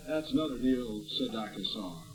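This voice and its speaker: A man hosting a radio call-in show with a smooth radio host delivery, chatting with a guest and callers. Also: lowish voice, expressive, moderate pace. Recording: roomy echo, distant mic, music underneath.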